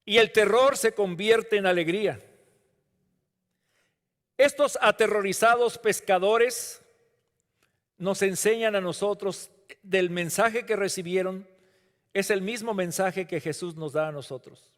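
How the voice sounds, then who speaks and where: Man pastor with a Latin American Spanish accent, high voice, sermon delivery, church reverb. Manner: swings between hushed, drawn-out lines and rising, emphatic calls. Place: church sanctuary. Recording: long hall reverb.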